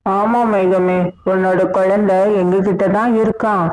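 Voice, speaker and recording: A woman's voice: mid-range voice, little pitch movement, measured pace, a little mellow, natural voice, poor audio. Rani, a woman doing a scheming crow. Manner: commanding, crafty. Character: scheming bossy female crow.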